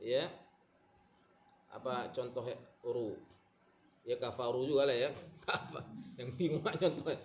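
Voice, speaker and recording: A male teacher giving a recitation pronunciation lesson, repeating syllables slowly for his students to copy. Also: mid-range voice, slight background noise. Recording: echoey room.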